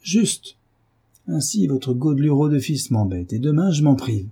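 A man's voice: a little high, sing-song, measured pace, warm tone, husky, pitched above the performer's own voice, exaggerated voice. A man reading a novel aloud and voicing a drunken, hulking husband who bullies and threatens his wife. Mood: bullying. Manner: bullying, blustering threats. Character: brutish drunken giant of a husband, furious.

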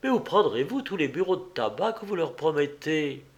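A man reading aloud voices a lively young woman who teases gently, in a light, amused way. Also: a little high, normal speed, dull audio. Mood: teasing. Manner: light and teasing.

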